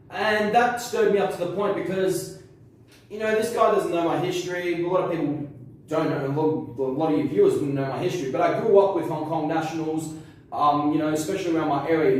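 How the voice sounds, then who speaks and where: A man's voice: fairly high pitch, a little mellow. A young man tells his side of the story in a casual interview, rambling and swearing freely. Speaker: interview guest. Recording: very echoey room from far off.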